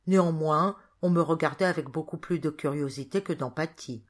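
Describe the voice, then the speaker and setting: A woman reading a first-person novel aloud as a volunteer audiobook narrator, with expressive storytelling. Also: low voice, moderate pace. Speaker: audiobook reader. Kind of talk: scripted narration.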